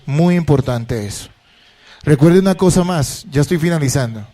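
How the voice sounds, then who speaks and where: A man, a pastor preaching a sermon to his congregation, asking rhetorical questions and moving between hushed and emphatic delivery. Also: fairly high pitch. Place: church service.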